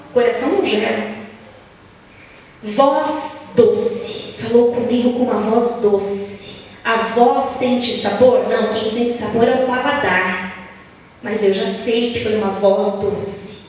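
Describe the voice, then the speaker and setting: A woman's voice: a little high, a little hiss or hum. A woman leading a Bible study, asking the audience questions and answering them herself, drawing out her examples. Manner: lively, drawn-out emphasis on examples. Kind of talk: church Bible study lesson. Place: church hall. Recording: echoey hall, voice from far off, faint ambience.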